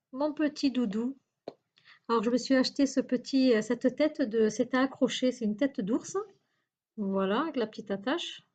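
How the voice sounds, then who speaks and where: Chatty woman with a mellow voice. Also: sits high, muffled recording. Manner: chatty, hesitant, searching for words with many fillers. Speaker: YouTuber showing a shopping haul. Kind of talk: casual haul video chat.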